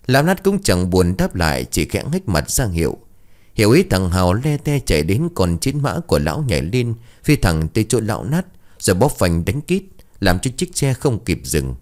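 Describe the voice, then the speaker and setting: Male storyteller for ghost tales, low voice, expressive and dramatic.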